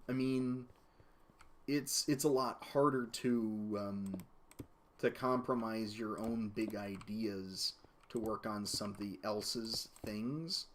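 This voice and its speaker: A man chats loosely while streaming a game, circling back over his own thoughts and reading comments aloud. His voice sits at an ordinary middle pitch. Soft keyboard clicks and typing run in the background. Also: slight background noise. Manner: rambling, reads chat aloud, talks to baby in a high voice. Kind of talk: casual live-stream chat while gaming. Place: home, baby in lap.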